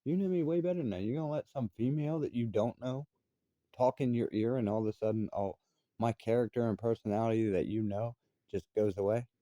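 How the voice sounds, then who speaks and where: A man's voice: mid-range voice, quick pace, mellow, no room sound. A man in his thirties giving an angry, profane personal rant. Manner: profane, confrontational, heated. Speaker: vlogger.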